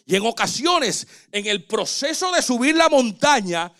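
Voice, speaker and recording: A man preaching as a pastor, animated and acting out quoted dialogue. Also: extremely high pitch, unhurried. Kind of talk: sermon.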